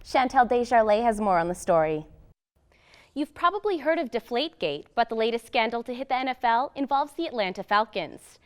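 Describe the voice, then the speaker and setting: A young woman reporter and anchor reads the news in a somewhat high voice, her delivery scripted and presentational like a TV bulletin. She sounds expressive and smooth, speaking a little fast.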